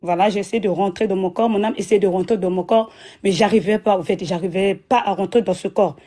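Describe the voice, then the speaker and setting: A woman's voice: medium pitch, fairly even intonation, brisk, mellow. A woman telling a personal religious testimony, repeating herself and restarting often with many fillers. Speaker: guest giving a religious testimony.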